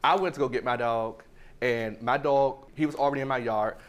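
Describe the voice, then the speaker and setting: A man's voice: medium pitch, fairly quick. A man speaking as defendant on a TV court show, defending himself in a casual, defensive way. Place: TV courtroom set.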